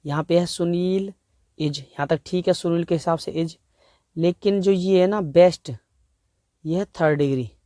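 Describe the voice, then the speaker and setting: A male grammar teacher with an Indian accent speaks in a slightly raised voice. He works through exam sentences at an unhurried pace and reads each example word by word. The sound is dry and close, with no room echo. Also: fairly high pitch, dark tone. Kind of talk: exam-prep grammar lesson.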